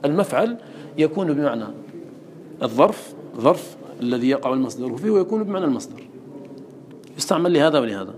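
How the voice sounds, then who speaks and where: A man's voice: fairly high pitch, very animated, fast, long pauses, a little mellow, a little hiss or hum. Arabic man teaching a recitation lesson. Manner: explains by questioning students and quoting recited verses. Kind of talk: classroom lesson.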